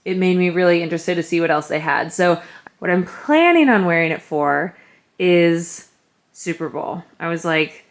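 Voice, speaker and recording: A woman's voice: on the low side, normal speed, echoey room. A woman chatting in a gushing, bubbly way as she shows off gifts in her bedroom for a vlog. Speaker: vlogger. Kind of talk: casual haul vlog chat. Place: home bedroom.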